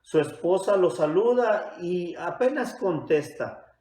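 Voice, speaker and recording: A male pastor preaching a sermon, retelling a Bible story with dramatic pauses, in a church. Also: high voice, animated, dark tone. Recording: echoey church sanctuary.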